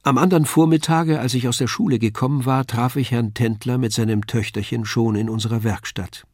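An older man reading a classic novella aloud in a measured, even storytelling manner. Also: medium pitch, no echo, studio quality. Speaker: audiobook narrator. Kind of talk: scripted literary reading.

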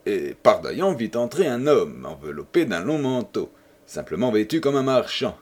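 A man narrating a classic novel as an audiobook, with expressive storytelling. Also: medium pitch, normal speed, husky. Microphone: home microphone.

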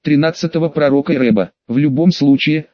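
A man reads a humorous fantasy audiobook in a fairly high voice, lightly shifting his tone for each character. The recording is dry and close, with a slightly dull, muffled sound. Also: fairly quick, dry recording. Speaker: audiobook narrator. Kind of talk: scripted narration.

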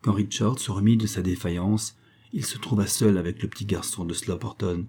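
A man narrating a novel as an audiobook reader in a measured, even way. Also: lowish voice, breathy edge.

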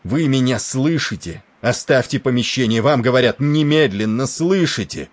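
A man's voice: lowish voice, moderate pace, a little mellow, husky. A man voicing a stern, desperate ship captain who gives curt commands in an audiobook. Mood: furious. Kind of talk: audiobook narration.

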